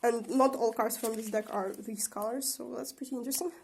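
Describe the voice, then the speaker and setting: Young female tarot vlogger, slightly high voice, recovering from a sore throat, chatty, rambling. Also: fairly even intonation, a little fast, breathy edge. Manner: rambling, chatty, many fillers and laughs. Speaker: tarot reader and channel host. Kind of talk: casual tarot reading vlog.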